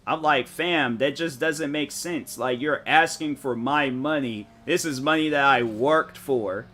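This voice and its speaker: A man streaming a game chats loosely, piling up slang as he tells a story. His voice is bright and forward, with a mid pitch. He jumps into little acted-out lines of other people as he goes. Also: unhurried. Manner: rambling storytelling, slangy, animated, mock-quotes people. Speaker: gaming streamer. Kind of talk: casual chat while streaming a game.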